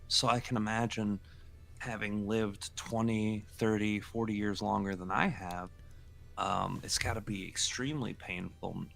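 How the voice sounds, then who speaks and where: Gravelly low-voiced man in his forties. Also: a bit bright. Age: 40s. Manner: reflective, unhurried, trailing fillers. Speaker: co-host, channeler. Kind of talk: casual livestream chat.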